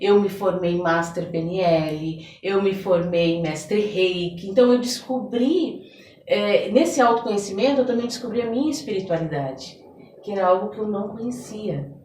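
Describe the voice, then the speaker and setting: A Brazilian woman from São Paulo, a mentor appearing as a podcast guest, tells personal stories conversationally and often tacks on little tag questions. Her voice is medium-pitched and darkish at a normal speed. The recording is echoey with a distant mic and a little hiss or hum.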